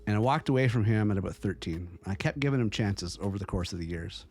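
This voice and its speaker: A man's voice: lowish voice, fast talker, a little mellow, a little hiss or hum. A middle-aged man hosting a podcast, giving his opinions in an emphatic way and repeating phrases as he builds each point. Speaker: podcast host. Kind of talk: opinion monologue.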